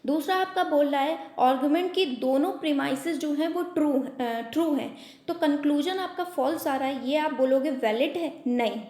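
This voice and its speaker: A woman coaching-class teacher explaining exam questions at a whiteboard. She reads English statements out slowly and then explains them in Hindi. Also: sits high, darkish tone. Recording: echoey room.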